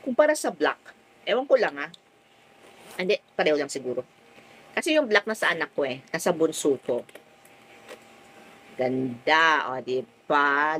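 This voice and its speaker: A middle-aged woman from the Philippines with a full, loud voice, chatting casually while selling on a phone live stream from home. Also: sits low, breathy edge, poor audio. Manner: chatty, lively, fond of "o, di ba?".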